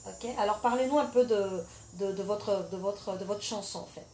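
A woman's voice: mid-range voice, moderate pace, warm tone, slight background noise. A woman hosting an interview, effusive and chatty, with frequent fillers and restarts. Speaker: host, teacher.

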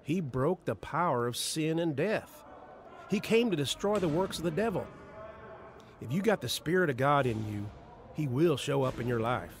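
This audio drama role, a steadfast, devout friend and mentor, is played by a man with a slightly high voice who talks in a measured, exhorting manner. The mood is one of earnest counsel. Slight background noise is present.

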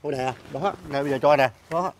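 An actor in a comedy sketch playing a sneaky, flustered uncle who pleads and stammers through repeated words. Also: male voice, a little high, fast, natural voice. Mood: soothing. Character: sneaky, flustered adult man, an uncle who ate the kids' cake. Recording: loud background noise.

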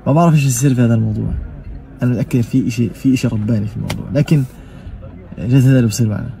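A man's voice: medium pitch, creaky, dark tone. A young man from Gaza with a Gazan Arabic accent, talking in a casual personal monologue and swearing oaths for emphasis. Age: young adult. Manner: emphatic, swears oaths often, talks rapidly. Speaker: vlogger.

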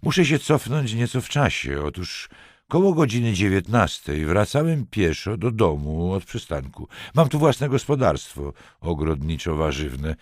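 A man's voice: deep voice, sing-song, a little slow, no echo, studio quality, full character voice. A man voicing a stiff, precise retired officer. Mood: recounting. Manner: careful speech, clearly stressed syllables. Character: elegant retired older male army officer. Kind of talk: audiobook character voice.

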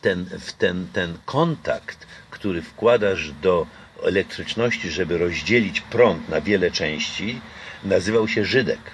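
An older Polish man with a deep voice speaks a little slowly, chatting casually in an outdoor interview on a garden patio. He sounds reflective and hesitant, full of fillers and restarts. A nearby camera picks him up along with slight background noise.

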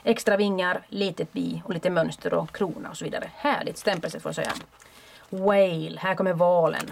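A woman who runs a craft shop, chatting casually and warmly as she shows off new stock at home. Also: on the low side, fairly even intonation, vocal fry, a little hiss or hum. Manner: chatty and friendly, with small restarts. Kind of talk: casual product show-and-tell.

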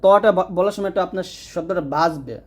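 Patient man teaching letter sounds slowly. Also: high-pitched, darkish tone, dull audio. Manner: slow, repeats each sound for the listener to copy. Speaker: Quran recitation teacher. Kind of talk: step-by-step pronunciation lesson.

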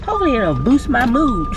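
A woman's voice: a little high, huge pitch swings, normal speed, music in the background. A young woman, chatting to her vlog camera from a parked car, tired and a bit cranky. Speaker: vlogger. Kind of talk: casual vlog chat. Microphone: handheld camera close by.

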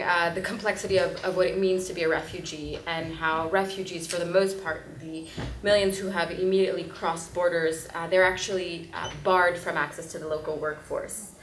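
A woman's voice: lowish voice, fairly bright tone. Hesitant woman speaking on a panel. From Lebanon, raised in New York City. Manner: hesitant, many fillers. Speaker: panelist, social enterprise founder. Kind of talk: conference panel introduction. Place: conference hall stage. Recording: echoey hall with faint noise.

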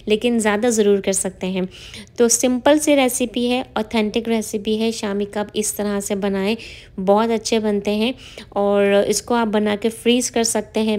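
A woman's voice: mid-range voice, a little mellow. A middle-aged woman giving a friendly, explanatory voice-over for a home cooking tutorial, sharing tips with viewers. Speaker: cooking vlogger.

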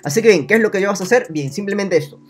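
A man's voice: high voice, very fast, faint music behind. A man talking straight to the viewer in a screen-recorded tutorial, repeating himself a lot and voicing the viewer's questions. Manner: repetitive, talks to viewer directly; voices imagined viewer questions. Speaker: online money-making youtuber.

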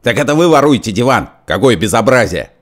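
A man's voice: deep voice, animated, moderate pace. A man voicing a fat, fussy official who shrieks with outrage. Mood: outraged. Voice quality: shrieking, indignant.

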